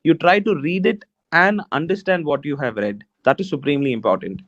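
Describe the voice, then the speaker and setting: This man, an alumni guest speaker, gives students a motivational talk with an Indian English accent; Tamil is his native language. He's casual and encouraging, calling listeners "man" and "guys," in a slightly high, brisk voice. The recording is dry and dull.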